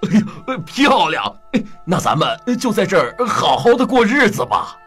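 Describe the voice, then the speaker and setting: A woman's voice: on the low side, sing-song, normal speed, faint music behind. A woman voicing a meek, worried old fisherman in a fairy tale, hesitant and pleading with many sighs. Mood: timid.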